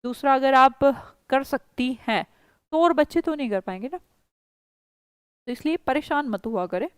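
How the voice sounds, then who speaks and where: A woman's voice: high-pitched, normal speed, clean tone, no echo. A woman with an Indian accent teaching a spoken English class online, coaxing and reassuring her students.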